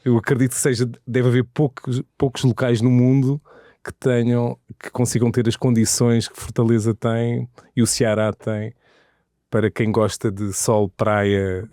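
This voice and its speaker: A man's voice: mid-range voice, level tone, a little slow, dark tone, dry recording, clean studio sound. Reflective Portuguese-accented man. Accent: European Portuguese. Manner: reflective, searching for words. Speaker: guest. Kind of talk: casual interview.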